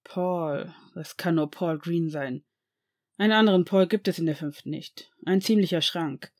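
A reader voicing a stern, brooding man, a potions master and father, speaking low with controlled anger. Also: normal speed, close to an everyday voice. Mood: angry. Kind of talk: audiobook fan reading.

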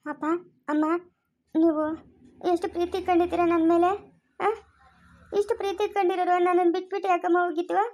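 A woman plays a village relative in a home-made family drama, speaking. Her voice sits high and her words come quickly. She pleads and consoles with plain emotion. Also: level tone, darkish tone. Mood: tearful.

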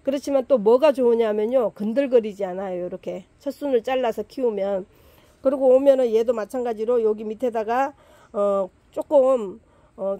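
Woman, middle-aged, plant farm owner, chatty and repetitive, casual lesson, fairly high pitch. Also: warm tone, no echo. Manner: chatty, repeats points, talks to plants.

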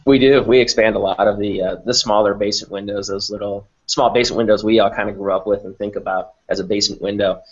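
A middle-aged company president, appearing as an interview guest on a video call from a small indoor office room, explains things at a quick pace with hardly any pauses. His voice is lowish and steady in tone, and the computer mic gives dull, lo-fi video call audio.

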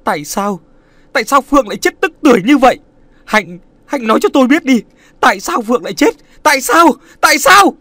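A man's voice: very high voice, animated, brisk, sharp tone, dry recording, pitched above the performer's own voice, exaggerated voice. A male narrator voicing a grief-stricken young man who cries out in despair. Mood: anguished. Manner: crying out in despair.

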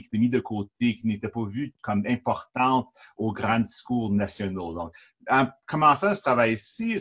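Man in his forties, from northern Alberta, professor, webcam from a book-lined office, husky voice, measured. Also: mid-range voice. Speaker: professor, guest. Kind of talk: academic interview over video call. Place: office with bookshelves, indoors. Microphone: video call webcam.

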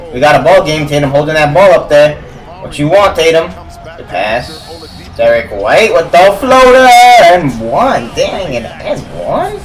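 A young man casually reacting to basketball highlights, talking to the players on screen in slangy chat and yelling at big plays. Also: recorded from a distance, low-quality recording. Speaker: sports reaction YouTuber. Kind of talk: live reaction commentary.

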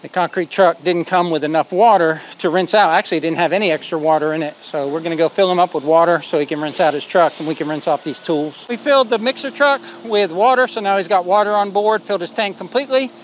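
Here the same kind of walk-and-talk narration comes fast and high-pitched, with hardly any pauses and only slight background noise. A middle-aged man, a homestead vlogger, holds his phone out at arm's length on a rural building site, chatting through a concrete pour.

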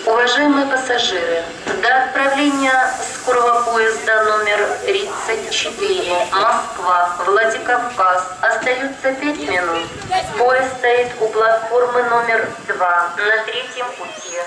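Echoing, distant woman's station announcement over loudspeakers. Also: fairly high pitch. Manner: formal, measured scripted delivery. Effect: loudspeaker public-address system. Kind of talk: public-address station announcement, like an airport announcement. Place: outdoor railway station platform. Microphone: far camera microphone picking up loudspeakers. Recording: echoey distant loudspeaker, loud platform noise. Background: loud trains and station ambience.

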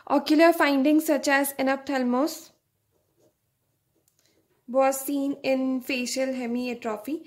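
Woman, young adult, medical lecture, high-pitched, unhurried, explanatory, checks in with "right?". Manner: slow and explanatory, often adding a checking "right?".

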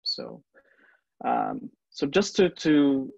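A man's voice: mid-range voice, huge pitch swings, extremely slow, creaky, a little mellow, no room sound. A man in his thirties from Lebanon, a museum docent telling his personal story on a video call, hesitant with many ums and restarts. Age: 30s. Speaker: museum docent and guest speaker. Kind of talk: personal talk on a virtual tour. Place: small room at home, indoors. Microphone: video call, earbuds. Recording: dull, dry video call audio.

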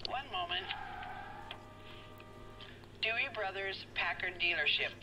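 A woman's voice: mid-range voice, huge pitch swings, takes it slowly, a crowd in the background, exaggerated voice, rough recording. An actress playing a businesslike female police telephone operator in a crime game. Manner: crisp, businesslike.

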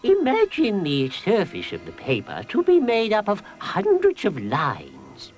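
A woman's voice: medium pitch, wildly swooping pitch, unhurried, darkish tone, soft background music. A woman voicing a nervous, clever male mathematician who stammers a little as he earnestly explains himself. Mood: explaining.

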